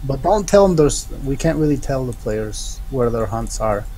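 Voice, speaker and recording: A man casting a strategy match live over an online call, reacting quickly and excitedly. His connection is unreliable, so his audio cuts out and his level keeps swelling and dropping. A faint hiss sits under his voice, and his pitch sits at an ordinary middle height. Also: poor audio. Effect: audio cutting out, volume rising and dropping. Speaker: game commentator. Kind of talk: live esports commentary. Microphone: online voice chat.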